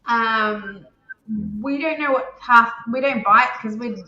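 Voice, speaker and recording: A woman chatting on a video call, animated and chatty, jumping between thoughts. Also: on the high side, slow pace, far from the mic. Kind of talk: casual chat. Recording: echoey, muffled video call audio with faint hiss.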